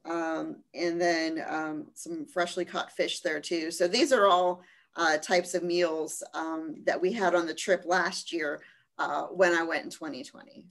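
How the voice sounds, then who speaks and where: A woman's voice: low-pitched, steady tone, unhurried. Chatty woman presenting a study trip. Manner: chatty with frequent ums and small laughs. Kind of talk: virtual fair slideshow presentation.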